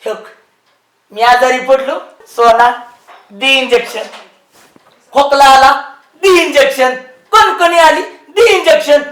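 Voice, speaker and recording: Older man with a high voice in a roomy space, a coaxing, scolding elder in a comedy sketch. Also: takes it slowly, long pauses, a bit bright. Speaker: elder relative. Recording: roomy echo.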